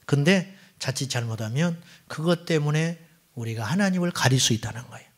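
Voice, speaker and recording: Middle-aged pastor guy preaching friday night, higher voice, pitch jumps all over, asks the church question after question. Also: expressive, fairly quick. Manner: preaching, rhetorical questions to the congregation; swings between loud exclamations and near-whispered asides. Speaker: senior pastor.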